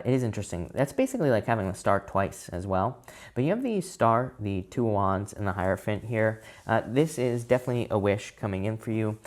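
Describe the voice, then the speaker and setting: Low-voiced man giving a rambling tarot reading. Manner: casual, rambling, many fillers and hedged restarts. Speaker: tarot reader.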